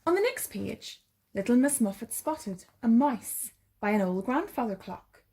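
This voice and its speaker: Female bedtime story narrator, slightly high voice, gentle sleep-story delivery for young children. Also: big pitch swings, unhurried, husky. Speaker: bedtime story reader for a primary school.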